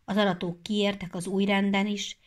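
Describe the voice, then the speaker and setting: A woman narrating a children's storybook in a measured, expressive way. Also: mid-range voice. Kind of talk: storybook reading.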